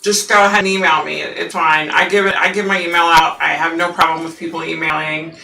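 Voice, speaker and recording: Speaking low, fast, and flat, this woman has a gravelly, sharp edge to her scratchy, husky voice. She's a psychic hosting a home livestream, chatting loosely with viewers in a rambling, filler-heavy way. The mic is distant and the room echoes.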